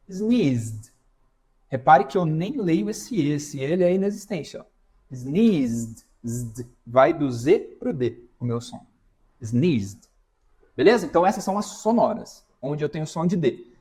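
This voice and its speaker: A man's voice: a little high, husky. A man teaching an English pronunciation lesson, explaining step by step and asking the viewer questions.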